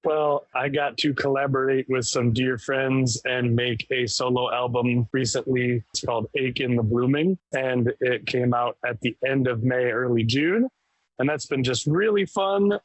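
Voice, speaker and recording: A man's voice: mid-range voice, no echo, rough recording. A man who plays in a band, chatting in an interview, enthusiastic and rambling with fillers. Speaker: band member, musician. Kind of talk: casual interview chat.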